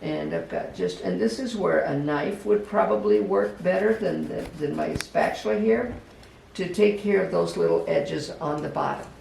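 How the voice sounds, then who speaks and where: A craft instructor giving a casual step-by-step demonstration, talking gently and unhurriedly, even chatting to the project. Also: mid-range voice, normal speed, creaky. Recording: echoey room, voice from a distance, faint background hum.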